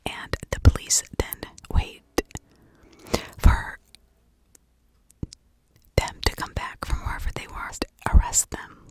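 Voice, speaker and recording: An American woman whispers a true crime story for ASMR, keeping it hushed, informal and conversational. She speaks slowly and pauses often.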